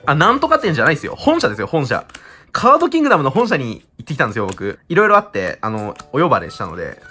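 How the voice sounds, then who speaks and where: Excitable young man, wildly swinging pitch. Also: racing, soft background music. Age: 20s. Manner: excitable, chatty, laughs often. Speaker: YouTuber opening card packs. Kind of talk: casual chat while unboxing.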